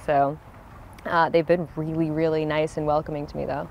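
A woman's voice: low-pitched, level tone, moderate pace, vocal fry, a little mellow, slight background noise. A woman in her thirties, a comedy student, chatting in an interview outdoors in a casual, slightly nervous, self-deprecating way. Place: outdoors on a bench beside a sidewalk.

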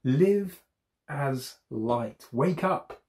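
A man's voice: mid-range voice, animated, drawn-out words, darkish tone. A man preaching a sermon in an emphatic, conversational way, repeating key phrases and adding light self-deprecating humour.

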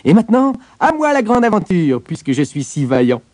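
A man voicing a small, boastful young male tailor in a storybook, with perky, excitable exclamations. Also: sits high, unhurried, breathy edge, pitched above the performer's own voice, exaggerated voice. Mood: triumphant. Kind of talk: storybook character voice.

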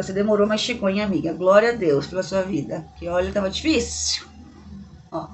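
A woman's voice: medium pitch, darkish tone. A woman from Brazil reviewing makeup on her home vlog, gushing and chatty, talking to viewers like friends, recorded in her bedroom. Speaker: beauty vlogger. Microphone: camera mic in a bedroom.

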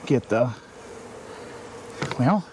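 A man with a mid-pitched, everyday voice, talking a viewer through his beekeeping work as he goes. He speaks plainly and thinks aloud between tasks. Faint outdoor hum and buzzing bees sit under his voice. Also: expressive. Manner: plain, unhurried, thinking aloud while working. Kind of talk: casual how-to narration. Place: outdoors beside a beehive.

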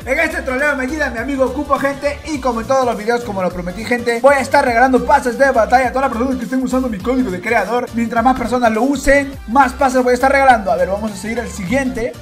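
Hyped young man with high voice. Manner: hyped, fast, mixes slang and laughter. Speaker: gaming video host. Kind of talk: excited gaming prank commentary. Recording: faint music underneath. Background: faint background music.

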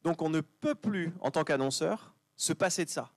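A man's voice: on the high side, animated, moderate pace, no echo. Chatty man giving a conference talk. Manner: chatty, joking asides to the audience. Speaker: conference speaker. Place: conference venue.

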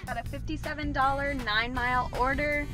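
A woman's voice: sits high, steady tone, brisk, loud music behind the voice. A young woman talking casually to a dashboard camera from inside her car, chatty and upbeat as she thinks aloud about her delivery work. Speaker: delivery driver vlogger. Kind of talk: casual vlog narration.

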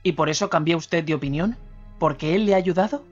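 A man's voice: a little high, fairly quick, natural voice. Anxious but firm older man, read by a male narrator; urgent delivery over faint music. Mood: incredulous. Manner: urgent, insistent. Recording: slightly dull radio recording, faint music.

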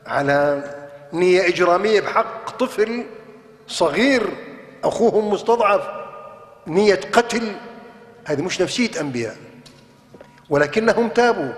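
A man with a Levantine Arabic accent giving a televised religious lecture, emphatic and argumentative, firing off rhetorical questions. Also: sits high. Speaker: religious scholar presenting a TV program. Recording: echoey hall with long reverb.

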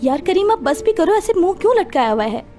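A woman's voice: very high voice, big pitch swings, quick pace, mellow, faint music behind. An actress playing an earnest, insistent young fiancée in her twenties in a dubbed TV drama. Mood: affectionate. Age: 20s. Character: earnest, affectionate young fiancée, gently scolding.

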